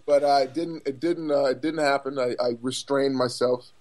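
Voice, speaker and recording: A middle-aged former player from the Bahamas co-hosting a casual sports chat. He rambles through stories in a laid-back way, his voice sitting at an ordinary middle pitch. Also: fairly even intonation, moderate pace, a little mellow. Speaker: former pro player and co-host.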